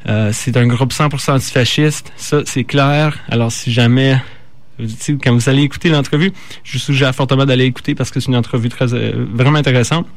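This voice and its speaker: On his informal live radio show, a host with a Canadian French accent speaks in a steady, medium-pitched voice. His unscripted delivery is halting, with frequent stumbles, backtracking and self-corrections.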